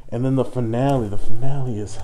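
A man's voice: mid-range voice, steady tone, quick pace, warm tone, slight background noise. A man reviewing a film in casual, enthusiastic chat, full of fillers, speaking muffled through a costume head. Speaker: movie reviewer. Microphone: muffled inside a fursuit head.

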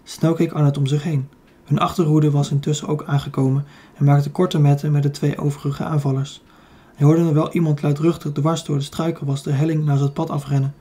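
A man's voice: on the high side, flat delivery, fairly quick, mellow, slightly rough. A man with a Dutch accent narrating a children's fantasy audiobook, reading steadily with the odd slip and self-correction.

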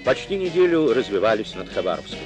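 A man's voice: fairly low pitch, sing-song, fast, low-quality recording. A man narrating an old newsreel in a formal, declamatory reporting manner. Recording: narration over loud music.

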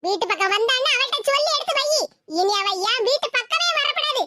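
A hot-tempered cartoon neighbour woman who lays down the law with sharp threats in Tirunelveli Tamil, as a voice actor plays her. Her voice is very high-pitched, and there is a constant layer of noise behind it. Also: lively intonation, fairly quick. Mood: angry. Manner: scolding, threatening, loud. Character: angry, scolding middle-aged neighbour woman. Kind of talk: cartoon voice acting.

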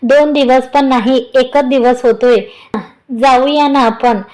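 A woman's voice: high voice, fairly even intonation, slow pace, a little mellow. A woman voicing a flustered, bashful young newlywed wife who scolds and coaxes her husband in a storybook reading. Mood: coaxing.

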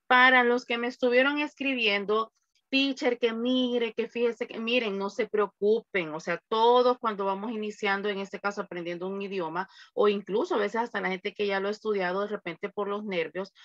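A woman's voice: fairly high pitch, sharp tone, no room sound, highs cut off. A woman from El Salvador, teaching an online English class in a chatty way with lots of examples.

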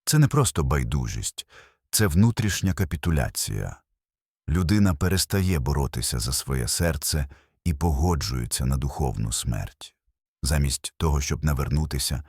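Deep husky solemn male preacher. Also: darkish tone, no room sound, clean studio sound. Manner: solemn, emphatic, builds with short repeated phrases. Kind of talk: scripted sermon narration.

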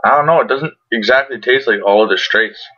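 A man's voice: mid-range voice, brisk. A young man chatting casually to camera in a laid-back, sweary, rambling review, his words slightly muffled by a lip full of dip. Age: young adult. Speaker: tobacco product reviewer. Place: small bedroom, indoors. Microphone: computer webcam at arm's length. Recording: dull lo-fi webcam audio.

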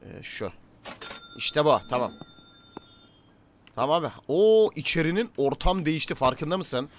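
A man giving casual let's-play commentary, chatting to game characters and his viewers, swinging from low mutters to loud calls. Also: big pitch swings, unhurried, slight background noise. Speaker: gaming YouTuber.

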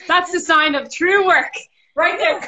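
A woman with an Irish accent leading a live workout class over a video call, energetic, counting down reps and cheering people on. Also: very high-pitched, reverberant, poor audio. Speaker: fitness instructor.

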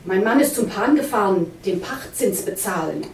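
A woman's voice: mid-range voice, lively intonation, moderate pace, darkish tone, slight background noise, natural voice. A woman reading a naive young innkeeper's wife. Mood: eager naive. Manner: earnest, childlike questioning. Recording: roomy hall, voice from a distance.

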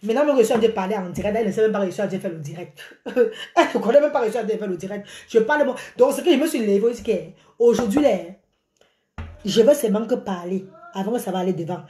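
With her phone held at arm's length, a middle-aged woman from Cameroon streams a live rant to her followers from a small room by a curtain, exclaiming and gesturing animatedly. Her medium-pitched voice races along, and the sound is roomy.

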